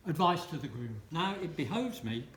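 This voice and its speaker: A man's voice: fairly high pitch, very animated, moderate pace. A man in his seventies giving a wedding speech, with dry, self-mocking humour and teasing asides to the couple. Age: 70s. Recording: roomy hall with faint noise.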